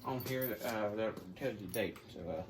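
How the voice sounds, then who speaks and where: A young man giving a casual how-to to camera, halting as he searches for words. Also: on the low side. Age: young adult. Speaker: video host. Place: garage, phone on tripod a few feet away. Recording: clearly noisy garage phone recording.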